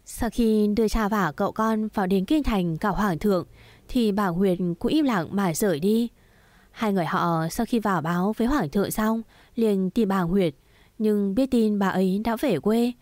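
In a spoken romance story, a woman reader voices a tender middle-aged mother, patient and sorrowful, recounting events softly and coaxingly at an ordinary pitch. She speaks at normal speed in a natural voice, recorded dry and close.

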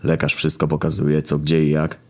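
A man narrating a vulgar comic first-person story, deadpan with loud outbursts. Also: very deep voice, moderate pace.

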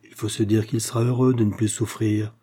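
A man's voice: fairly low pitch, flat delivery, a little fast, dark tone, breathy edge. A man voicing a gossiping old peasant woman with rural dialect, rambling and fussing in an audiobook reading. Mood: fretful gossip. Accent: rural French peasant dialect. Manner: rambling, fussing, rustic grammar.

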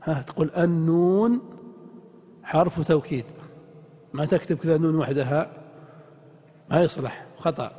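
A man teaching a grammar lesson in a deliberate way, spelling out examples and asking the class questions. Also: a little high, dark tone, slightly rough, big-room sound. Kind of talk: lecture on Arabic grammar.

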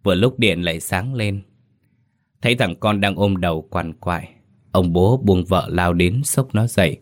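A man narrating a dramatic story in a steady storytelling manner. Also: sits low, moderate pace.

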